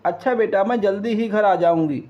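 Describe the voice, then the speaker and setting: A man's voice: high voice, moderate pace, voice pushed up, lightly acted. A man voicing a grieving widowed mother bird who wails and pleads. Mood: tender. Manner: wailing, pleading. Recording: dull lo-fi.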